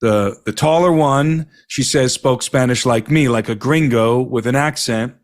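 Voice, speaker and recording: At a measured pace, a medium-pitched male investigator retells what a witness told him in an interview. He is earnest and detailed, frequently repeating himself as he searches for his words.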